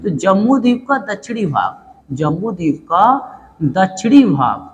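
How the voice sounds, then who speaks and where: A man's voice: high voice, muffled recording, slight background noise. A male teacher giving a classroom lecture, asking questions and answering them himself, repeating key words with folksy, joking asides. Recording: long hall reverb.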